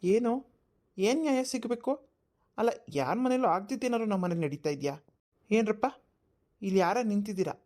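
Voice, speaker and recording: A woman voicing a defensive, lying middle-aged village husband in a cartoon, with loud indignant denials. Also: medium pitch, a little fast, long pauses, natural voice. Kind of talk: cartoon voice acting.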